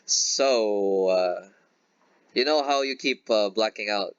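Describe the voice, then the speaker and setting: In a slow, smooth, fairly low voice, a man playing a tabletop game talks haltingly, full of fillers and false starts, in easygoing role-play chatter. The recording is dull but free of echo.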